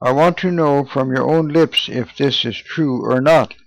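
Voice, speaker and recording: A man's voice: medium pitch, measured pace, vocal fry, rough recording. A man reading as a stern, scornful bishop. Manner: haughty, scolding. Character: stern, contemptuous older male bishop.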